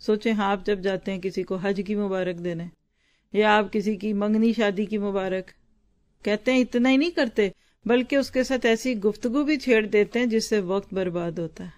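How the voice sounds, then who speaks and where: A woman's voice: medium pitch, normal speed, a little mellow. A woman teaching from a religious book, explaining hard words and answering her own questions. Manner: explains difficult words, asks and answers herself.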